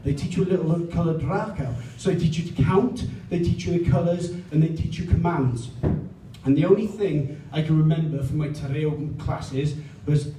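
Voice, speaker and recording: A man's voice: on the high side, moderate pace, warm tone. A man in his thirties with a South Wales Valleys accent, performing live stand-up comedy. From Pontypridd, South Wales. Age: 30s. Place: indoor live gig venue. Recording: roomy, distant mic, faint noise.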